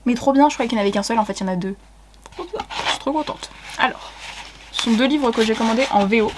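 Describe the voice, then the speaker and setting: A young woman chatting casually as she unboxes books, excitable and giggly, with many fillers. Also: fairly high pitch, noisy background. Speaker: book vlogger.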